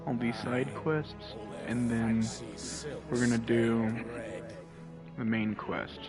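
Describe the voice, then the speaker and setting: A man's voice: mid-range voice, fairly even intonation, takes it slowly. A man streaming a game late at night at home, talking in a laid-back, rambling, profane way close to the mic. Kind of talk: casual live game commentary. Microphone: close desk mic. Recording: mic with game music behind.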